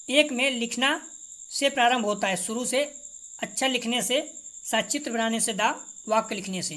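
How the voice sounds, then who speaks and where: A woman's voice: on the high side, fairly bright tone. A woman teacher reads exam multiple-choice questions and answers, repeating each correct answer and informally to her students. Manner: informal, addresses students directly.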